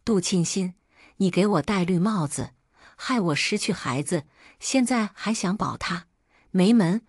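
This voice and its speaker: A woman's voice: lowish voice, lively intonation, measured pace, husky, no room sound, clean studio sound. A woman voicing an enraged, vicious husband who snarls insults and accusations in a read-aloud story. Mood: furious.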